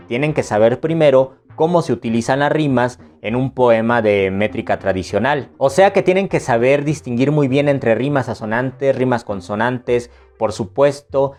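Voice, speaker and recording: A man's voice: medium pitch, a little mellow. A Mexican man with a Mexican Spanish accent, teaching poetry in a casual, playful way and answering viewers' questions. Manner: playful, recites verse slowly and taps out rhythms. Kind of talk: casual explanatory lesson.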